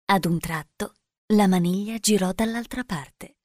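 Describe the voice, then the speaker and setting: A woman narrating a children's storybook in a calm, steady storytelling manner. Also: medium pitch, a little slow, no echo, studio quality. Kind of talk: storybook reading.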